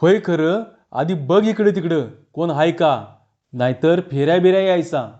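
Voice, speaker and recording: A man's voice: a little high, normal speed, warm tone, dull audio, natural voice. A male narrator voicing a frightened village man sneaking out to steal crops, speaking. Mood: hushed wary.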